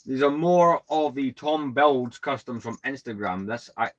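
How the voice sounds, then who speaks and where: A man from the UK with a British accent, hosting a casual livestream in a calm, soothing voice and a rambling, chatty, self-deprecating manner. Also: mid-range voice, unhurried, lo-fi sound. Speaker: host.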